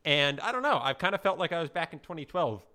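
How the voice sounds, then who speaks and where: A man's voice: a little high, very animated, quick pace, pushed and bright. A man hosting a casual podcast. He teases his co-hosts and leads the talk. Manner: teasing, leading the conversation. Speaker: podcast host.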